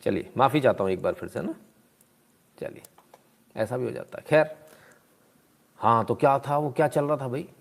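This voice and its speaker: Male live-stream host, casual animated commentary, rhetorical questions, reads viewer comments. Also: medium pitch, normal speed, gravelly, pauses often.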